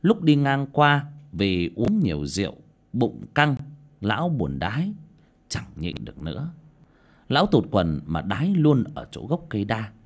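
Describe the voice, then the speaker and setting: A man narrating a ghost story as an audiobook storyteller, expressive and lively. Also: lowish voice, measured pace.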